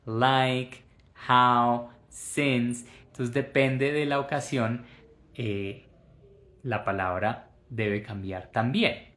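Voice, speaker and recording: Colombian guy teaching english, slow and careful, repeats phrases, roomy echo. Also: medium pitch, fairly bright tone. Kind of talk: Spanish-language English lesson.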